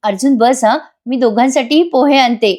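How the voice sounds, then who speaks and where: A woman's voice: high voice, normal speed, darkish tone, pitched above the performer's own voice, close to an everyday voice. Sly sugary young woman, coaxing and sweet, read by a woman narrator.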